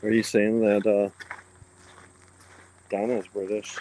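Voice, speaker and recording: A man's voice: lowish voice, little pitch movement, takes it slowly, dark tone, slight background noise, poor audio. A man chatting casually with dry, laid-back replies while walking outdoors, filming on a phone. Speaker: vlogger. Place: outdoors at a historic site. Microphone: handheld phone camera.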